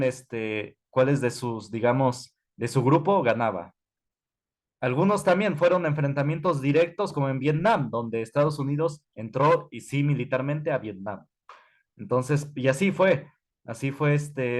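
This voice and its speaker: A man's voice: mid-range voice, animated, unhurried. A male history teacher, lecturing an online class in a conversational way, with many fillers and self-corrections. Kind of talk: online class lecture while typing notes.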